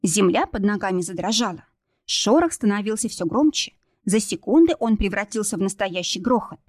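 A woman's voice: mid-range voice, animated, moderate pace, darkish tone, no echo, clean studio sound. A woman reading a novel aloud as narrator, in a tense, dramatic storytelling manner. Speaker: audiobook narrator.

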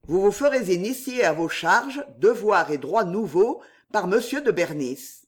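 Audiobook figure: a calm, commanding older Jesuit chief, slow and weighty, read by a man. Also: high-pitched. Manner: calm, authoritative.

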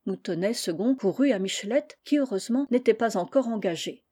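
A woman reading a classic children's novel aloud in a measured, even storytelling manner. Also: mid-range voice, breathy edge. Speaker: audiobook reader. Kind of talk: scripted narration of a classic novel.

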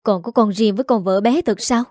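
A woman's voice: medium pitch, a little fast, warm tone, no echo, studio quality, close to an everyday voice. A woman voicing a bossy, nagging older rural mother-in-law. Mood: curious.

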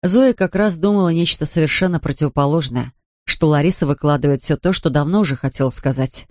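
A woman narrating an audiobook in an expressive, measured way. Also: low-pitched, no room sound, clean studio sound.

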